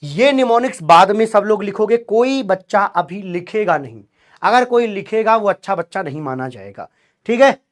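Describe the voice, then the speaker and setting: A man's voice: high voice, expressive, moderate pace. A male chemistry teacher lecturing a class, drilling students with call-and-response questions in a colloquial, teasing way.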